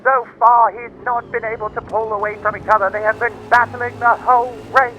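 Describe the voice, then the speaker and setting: A man's voice: very high voice, flat delivery, brisk, highs cut off, a little hiss or hum. A man putting on a theatrical 1950s announcer voice for dramatic play-by-play motorsport commentary in a racing game. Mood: keen, suspenseful. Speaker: race commentator.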